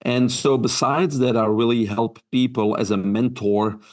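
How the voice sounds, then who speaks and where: A Belgian man in his fifties, appearing as an interview guest, answers earnestly in a Belgian accent. His medium-pitched voice stays steady and unhurried, with plenty of fillers and restarts.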